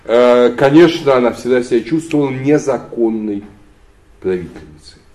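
A man giving an unscripted history lecture, often pausing with drawn-out fillers and pressing on key words with rising emphasis. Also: mid-range voice, mellow. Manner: hesitant, many drawn-out "uh" fillers, emphatic rises.

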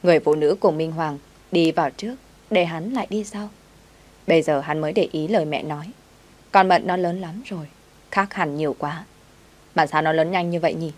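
Casting: woman narrator, lowish voice, measured, expressive storytelling.

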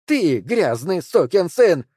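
A man reading an audiobook, voicing an agitated, unstable woman holding a gun, in shrill emotional outbursts. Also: moderate pace, a little mellow, no room sound, studio quality, lightly acted.

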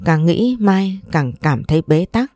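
A woman reading an audio story aloud, narrating and voicing every character in one steady voice. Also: on the low side, unhurried, no echo. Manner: reads all parts in one steady voice.

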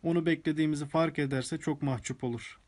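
A man voicing an elderly, sharp-witted spinster detective who speaks gently and politely in an audiobook. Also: on the high side, fairly even intonation, fast talker, natural voice.

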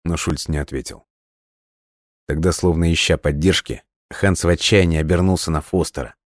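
A man narrating an audiobook in a steady storytelling read. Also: a bass voice, moderate pace, dry recording, clean studio sound.

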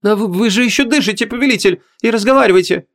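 A man reading an audiobook, voicing a frail, loyal young female sorceress lieutenant in a high, pleading voice. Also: quick pace, a bit bright. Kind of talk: audiobook character voice.

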